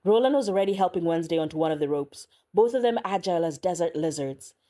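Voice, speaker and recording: Low-voiced woman reading a novel. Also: animated, fast talker, mellow. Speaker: audiobook narrator. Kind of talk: scripted narration.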